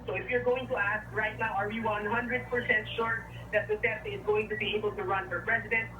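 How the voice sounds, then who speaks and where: Halting woman reporting from a noisy press scrum. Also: mid-range voice, animated. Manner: halting, searching for words as events unfold. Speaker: field news reporter. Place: crowded office building hallway indoors. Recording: noisy, distant live location feed. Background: commotion of a media scrum.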